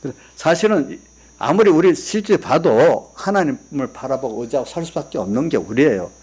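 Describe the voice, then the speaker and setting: A man's voice: a little high, a little mellow. A man preaching a sermon in a church, asking the congregation questions and telling personal family stories in an easygoing, conversational way. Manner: tells personal stories, quoting family members. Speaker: pastor. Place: church sanctuary.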